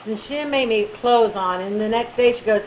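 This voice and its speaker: A woman telling a funny personal story in a chatty, animated way, with bits of playful baby talk. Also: fairly high pitch, normal speed, phone-quality sound, slight background noise. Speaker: vlogger.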